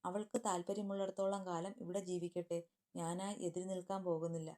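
A woman's voice: fairly low pitch, little pitch movement, a little fast, warm tone, lightly acted. A woman voicing a guarded, resigned young husband who speaks tersely. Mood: curt.

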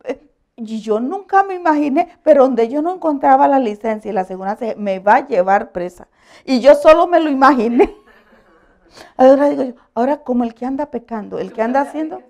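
Woman pastor, fairly high gravelly voice, lively sermon storyteller who laughs easily. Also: a little fast. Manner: animated storytelling, asks the audience for agreement; laughs often while preaching. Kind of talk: conversational sermon.

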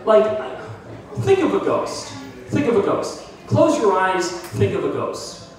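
His voice is high-pitched and slow as this American man in his thirties works through a self-deprecating stand-up set, animated and doing voices for his bits. He holds a handheld mic in a small brick-walled bar, captured from far off by an audience member's phone. The room is echoey and the crowd laughs.

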